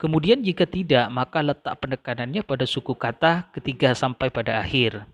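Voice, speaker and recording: A man giving an online lecture, explaining step by step with frequent fillers and restarts, slowly repeating example words. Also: medium pitch, expressive, dry recording. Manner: hesitant, many fillers and restarts.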